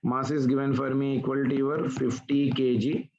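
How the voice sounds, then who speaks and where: A man teaches physics over an online class call, working through problems step by step and asking students for answers. His mid-range voice is gravelly and darkish, with a level tone and moderate pace, and the sound is lo-fi.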